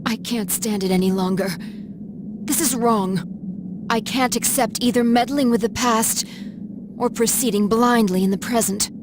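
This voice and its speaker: An actress voices a gentle yet resolute older sister in an English anime-style video game, delivering lines in a measured, earnest, formal way with only light acting. Her female voice is on the high side and steady in tone, set against a noisy background.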